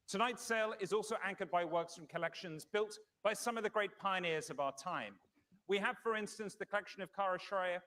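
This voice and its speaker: A male fine art auctioneer with a fairly high voice and a very quick pace. He is polished and courteous, addressing the saleroom formally and repeating figures as he goes. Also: fairly bright tone.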